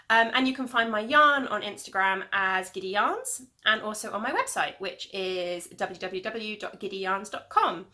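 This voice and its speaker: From home, an English woman hosts a knitting video podcast, rambling and chatty with many ums, and a little sniffly from hay fever. Her mid-range voice sounds pushed and bright.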